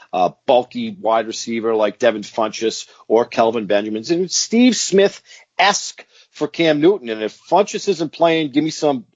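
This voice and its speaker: A man's voice: mid-range voice, darkish tone, dry recording, muffled recording. A man co-hosting a fantasy football podcast, calling out his picks in a casual, enthusiastic chat. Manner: enthusiastic, repeats picks with "give me".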